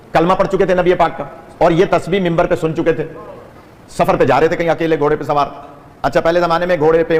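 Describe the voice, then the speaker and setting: A man preaching at a religious gathering, telling a story with animation, chanting devotional phrases and urging listeners to stay awake. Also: on the high side. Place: large gathering hall with audience. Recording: long hall reverb.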